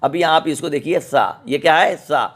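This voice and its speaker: A man's voice: on the high side, fairly bright tone. Patient middle-aged man teaching letters. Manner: patient, repetitive, spells letters out slowly. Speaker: Quran teacher. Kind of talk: recorded lesson teaching the Arabic alphabet.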